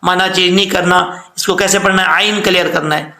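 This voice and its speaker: A patient male recitation teacher explains the rules and then stretches each phrase out slowly. His voice sits high and bright, and a gravelly rasp runs under it. The sound bounces around a roomy, echoey space. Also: fairly even intonation. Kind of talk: tajweed lesson with recitation.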